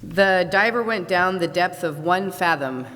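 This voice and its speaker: A woman acting as a spelling bee pronouncer, reading each word in a formal, precise, even manner, in a large school hall. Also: on the low side. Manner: measured, even, precise diction. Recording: echoey hall, loud crowd noise.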